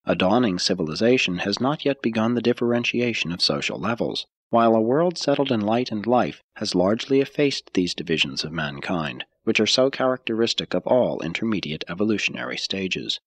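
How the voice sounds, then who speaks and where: A man reads an audiobook from a script, measured and formal, placing deliberate emphasis. His voice is on the low side and husky, with lively intonation, and there's no room sound.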